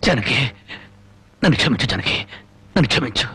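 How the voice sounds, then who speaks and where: A man's voice: mid-range voice, big pitch swings, brisk, sharp tone, breathy edge, exaggerated voice. An actor playing a remorseful gambler husband who begs his wife's forgiveness in anguish in a film melodrama. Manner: anguished, imploring, repeats her name.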